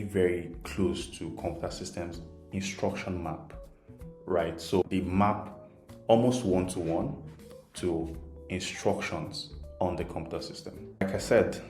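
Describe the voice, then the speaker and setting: With a deep, darkish voice, this Nigerian-accented man, whose first language is Yoruba, walks through a programming tutorial in an informal, patient way. He keeps it simple and frequently asks "right?", while a roomy echo and faint background music fill the recording.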